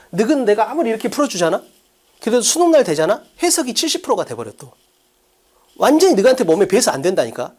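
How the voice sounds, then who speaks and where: A man's voice: high-pitched, a little mellow. A middle-aged man teaching English test strategy to students, lecturing with lots of rhetorical questions.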